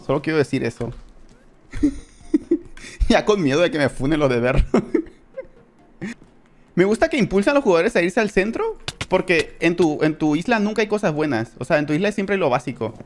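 A gaming creator giving excited, profane live commentary, yelping and laughing while talking to viewers as friends. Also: mid-range voice, moderate pace, long pauses. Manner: excitable, swears, yelps and laughs at the action.

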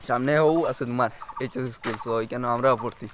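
A young vlogger from India's Sylheti-speaking Karimganj area talks fast and casually to his viewers while walking village roads, often saying the same phrases again. His mid-range voice keeps a steady tone, and the background is noisy, with music under the audio from a phone held at arm's length.

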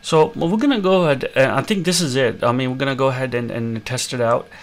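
A man hosting a screen-recorded coding tutorial, explaining each step in a relaxed way with many fillers. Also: medium pitch, quick pace. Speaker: tutorial host.

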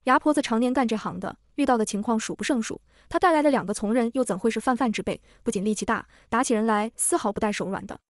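A woman narrating a novel recap in a fast scripted storytelling style, reading evenly and lightly voicing the characters. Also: on the high side, dry recording, studio quality.

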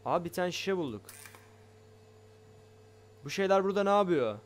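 A man giving excitable let's play commentary on a game, loud and jumpy, swearing often and talking straight to his viewers. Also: high-pitched, normal speed, slight background noise. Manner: loud, shouts a lot. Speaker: gaming YouTuber.

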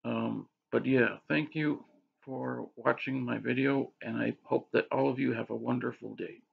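Man, casual faith vlog, rambling, husky, gravelly, muffled lo-fi audio. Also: medium pitch, steady tone, unhurried. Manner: rambling, with restarts and filler words. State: hiccups. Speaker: vlogger. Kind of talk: casual religious monologue to camera. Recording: dull lo-fi audio.

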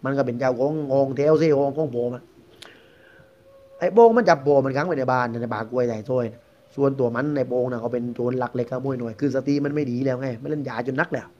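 A man's voice: mid-range voice, fast, mellow. A man with a Southern Thai accent telling a ghost story in a chatty, rambling, conversational way. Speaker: guest storyteller. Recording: dull lo-fi recording.

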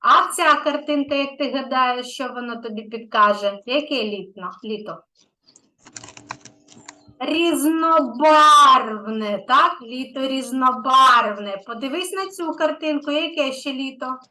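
A woman's voice: high voice, normal speed, few pauses, sharp tone, poor audio. A woman kindergarten teacher giving an online lesson to a young child, patient and encouraging, stretching out key words.

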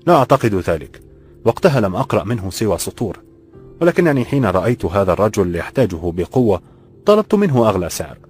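A man voicing a calm, kind old bookseller who speaks formal classical Arabic, in a slightly raised voice. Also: lowish voice, fast, breathy edge, soft background music.

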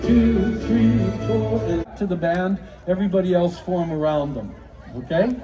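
Square dance caller over live music. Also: male voice, high voice, measured pace, warm tone, some chatter behind. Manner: instructive, counting beats aloud. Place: outdoor festival stage at night. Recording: live band music behind.

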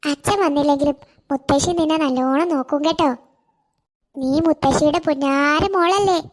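Lady doing an old granny in a cartoon, slow, soft and worried. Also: high-pitched, natural voice. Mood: doting. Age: older. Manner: slow, doting, fretful. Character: doting anxious old grandmother.

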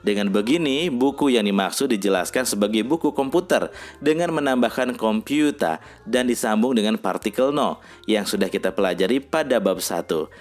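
A man narrating a scripted language lesson, reading sample sentences slowly and deliberately. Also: fairly low pitch. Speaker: language teacher.

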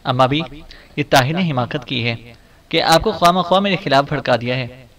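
A man's voice: medium pitch, brisk, fairly bright tone, far from the mic, natural voice. A man voicing an exasperated grown son who pleads and protests against his mother. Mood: protesting.

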